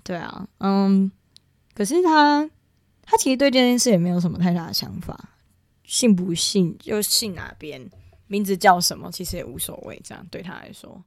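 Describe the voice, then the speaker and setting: A woman's voice: mid-range voice, expressive, moderate pace, no room sound, studio quality. A young woman from Taiwan telling a personal family story in casual chat, rambling with many fillers and restarts. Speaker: guest.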